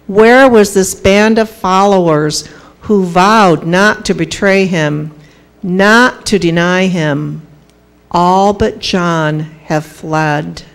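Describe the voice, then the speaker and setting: A woman reading scripted dramatic narration of a Bible story in a solemn, deliberate manner. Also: medium pitch, gravelly.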